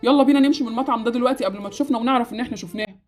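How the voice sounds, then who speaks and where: Woman playing an Egyptian husband, very fast talker. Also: fairly high pitch, soft background music, natural voice. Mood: startled, indignant. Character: good-hearted husband, decisive and easily persuaded. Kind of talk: amateur game-animation story acting.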